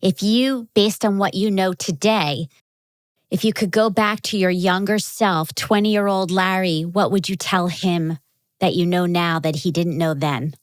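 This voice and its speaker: A woman's voice: fairly low pitch, fairly even intonation, a little slow, dry recording. A woman hosting a podcast interview, encouraging and affirming her guest. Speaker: podcast host.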